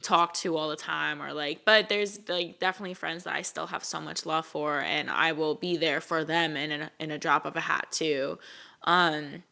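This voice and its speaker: A woman's voice: deep voice, fairly even intonation, moderate pace, gravelly, bright, forceful tone. A young woman co-hosting a podcast, chatting casually with lots of fillers and laughs. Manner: rambling, filler-heavy, laughs often. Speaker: podcast co-host. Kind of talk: casual chat.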